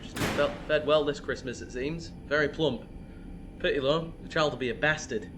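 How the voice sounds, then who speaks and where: A man's voice: on the high side, moderate pace, a bit bright, voice pushed down, close to an everyday voice. An actor playing a sneering, cruel male prison guard who taunts his prisoner. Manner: mocking, gloating, taunting. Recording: faint background noise.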